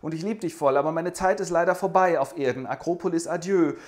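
A man voicing a gentle, wistful female fairy in a breezy, colloquial way. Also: on the high side, fast, natural voice.

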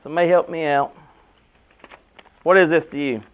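American guy coach doing a pregame pep talk, high clear voice, punchy lines, kinda muffled camera audio. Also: fairly even intonation, normal speed. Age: middle-aged. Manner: motivational, emphatic, short punchy phrases with rhetorical questions. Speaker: basketball head coach. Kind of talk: pregame locker-room pep speech to the team. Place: indoor team locker room. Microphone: camera a few metres away.

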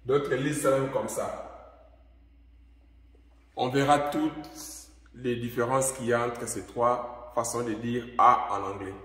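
A man giving a language lesson, repeating each letter slowly and carefully. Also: mid-range voice, fairly even intonation, fairly bright tone. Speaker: English teacher. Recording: echoey room with long reverb.

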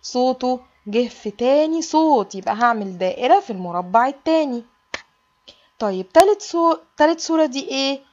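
A woman's voice: high-pitched, expressive, a little fast, darkish tone, lo-fi sound. A woman with an Egyptian Arabic accent, teaching a kindergarten alphabet lesson in a sing-song way and stretching out the letter sounds for small children.

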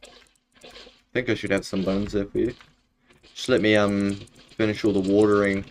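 Streaming a game from his bedroom, a young New Zealander talks in a fairly low, flat-pitched voice at an ordinary pace. His casual, friendly chat is peppered with "bro," and a faint hiss or hum sits under the recording.

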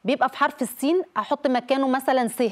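A woman's voice: high-pitched, steady tone, racing. A woman speaking with an Egyptian accent, a family counselor explaining children's speech problems on a TV talk show and acting out mispronounced words. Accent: Egyptian Arabic.

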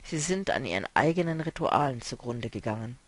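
A man reading a novel aloud, voicing a weary, melancholy male traveler who speaks quietly and broodingly. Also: mid-range voice, lively intonation, fairly quick, dry recording, natural voice. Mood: explaining.

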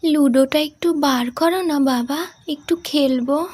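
A feverish seventeen-year-old girl from a storybook, her voice lifted high and childlike. She coaxes and pleads softly, as a woman acts her out. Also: unhurried. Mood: weary.

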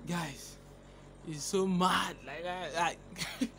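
Here a young adult man's high, sharp voice moves extremely slowly with fairly even intonation. He's hesitant and stammering as he makes a casual prank call, recorded on a phone camera at arm's length.

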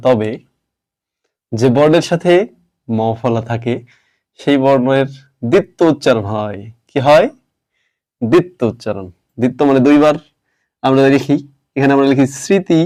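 A man's voice: mid-range voice, mellow. Man, teacher, classroom pronunciation lesson, explains step by step, asks questions.

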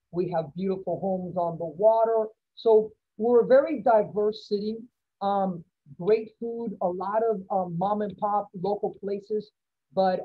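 A middle-aged woman, a city manager, answering questions in an online lecture, upbeat and encouraging, listing points in quick bursts from her office webcam. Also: mid-range voice. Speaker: city manager, guest speaker. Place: office with poster on the wall. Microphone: laptop webcam on video call. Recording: dull lo-fi video call audio.

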